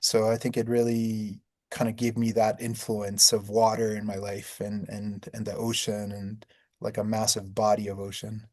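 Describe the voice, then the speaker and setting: A man from Peru, a native Spanish speaker, answering interview questions in a relaxed way, often repeating words as he restarts. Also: on the low side, normal speed, dry recording, clean studio sound. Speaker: guest. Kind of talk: casual interview.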